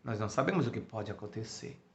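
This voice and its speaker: Man playing a calm lady doctor, reassuring, gravelly, echoey room. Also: on the low side, fast talker, very noisy. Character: calm, kind female doctor. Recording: echoey room, muffled sound.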